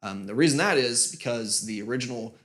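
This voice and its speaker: A man casually giving a channel update with lots of fillers, his voice booming with reverb in a nearly empty studio room. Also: expressive, fairly quick, fairly bright tone. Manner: rambling, many fillers and restarts. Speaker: music channel host.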